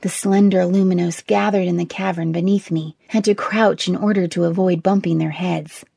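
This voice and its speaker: Gravelly, husky woman audiobook narrator. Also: lowish voice, steady tone, warm tone, no echo, clean studio sound. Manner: measured, tense storytelling. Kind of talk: scripted first-person audiobook narration. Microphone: close studio mic.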